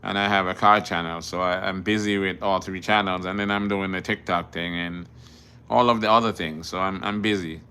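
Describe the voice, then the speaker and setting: This is a middle-aged driving instructor from Jamaica hosting an informal live Q&A, reading viewers' questions and answering plainly. He talks briskly in a low, clean, pushed and bright voice with fairly even intonation, restarting and repeating words often.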